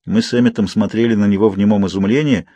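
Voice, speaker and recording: Husky man reading an audiobook. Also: lowish voice, no echo. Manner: steady, measured reading. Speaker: audiobook reader. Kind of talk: audiobook narration.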